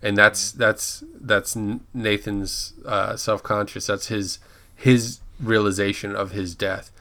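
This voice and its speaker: A man with a fairly low, pushed and bright voice, speaking slowly and with fairly even intonation, co-hosts a casual podcast. He recaps a TV episode in a rambling way, restarting and correcting himself on names.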